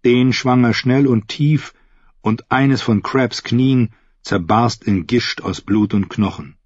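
Husky-voiced male audiobook narrator. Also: medium pitch, takes it slowly, darkish tone, no room sound. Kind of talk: scripted fantasy audiobook narration. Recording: dull, lo-fi and dry.

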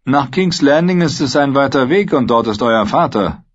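A man's voice: mid-range voice, animated, normal speed, voice pushed up, close to an everyday voice. A man voicing a scrawny, greedy male mercenary captain who sounds wary, scheming and slightly threatening, in a dull lo-fi recording.

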